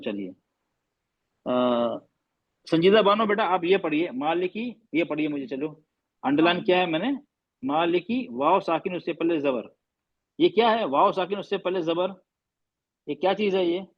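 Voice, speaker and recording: A man teaching pronunciation in an online class, repeating words over and over and gently coaxing students to say them correctly. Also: on the high side, moderate pace, long pauses, breathy edge, muffled recording.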